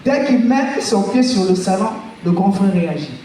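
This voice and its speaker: Male stand-up, high voice, animated storyteller who shouts his punchlines; the stage mic is picked up from a distance. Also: moderate pace, a little hiss or hum. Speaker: stand-up comedian. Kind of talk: stand-up comedy routine. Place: festival stage before a live audience. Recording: echoey hall recording from far off.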